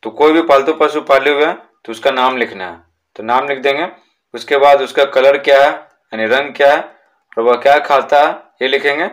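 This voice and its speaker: A man's voice: mid-range voice, steady tone, fairly bright tone. A young man teaching a school English lesson, explaining each point patiently and checking in with his listeners as he goes. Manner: reads English lines slowly, then explains; repeats points with "ठीक है ना".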